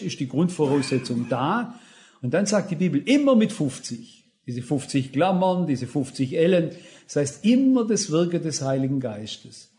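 An older man preaching a sermon, lively, often turning to his listeners with questions. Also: fairly high pitch.

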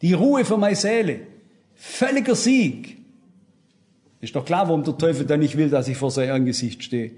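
A man's voice: a little high, animated, normal speed, dark tone. A man preaching a sermon in German, emphatic, swinging up and down for stress and addressing his listeners directly.

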